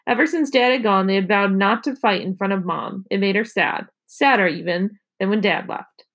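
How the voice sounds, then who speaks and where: A woman, a teacher, reading a children's chapter book aloud with expressive narration. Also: medium pitch, normal speed. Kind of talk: storybook read-aloud.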